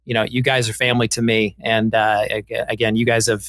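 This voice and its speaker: A man who produces a podcast, speaking in a heartfelt, halting way with many fillers. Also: lowish voice, little pitch movement, fairly bright tone, no room sound. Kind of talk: casual chat.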